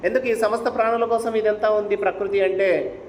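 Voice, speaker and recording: A man's voice: high voice, fairly even intonation, a little fast, slight background noise. A man giving a devotional discourse and telling a sacred story, urging listeners with rhetorical questions. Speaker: spiritual speaker. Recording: echoey hall with faint ambience.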